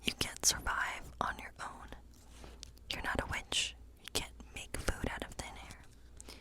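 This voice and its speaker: An ASMR performer whispers gently and breathily as a kindly witch reading tarot in her woodland cottage. She offers slow, soothing reassurance.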